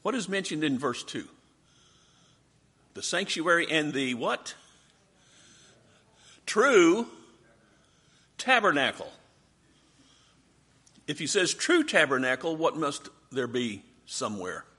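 This man teaches a Bible study in an animated, interactive style, repeatedly asking the group questions. His voice is forceful and bright with a husky edge, ranging widely in pitch. He speaks slowly and pauses often.

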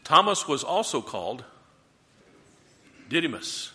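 A man leading a group Bible study, teaching and asking the group questions in an animated way. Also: mid-range voice, a little slow. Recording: reverberant room.

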